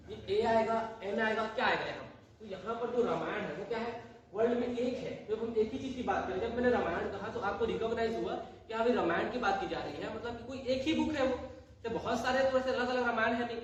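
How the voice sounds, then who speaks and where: A high-voiced man teaches a grammar lesson, asking questions of the class and repeating each point. He is heard from across an echoing room, with faint noise behind him. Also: dull audio. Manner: repeats and asks rhetorical questions. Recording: echoey room, voice from far off.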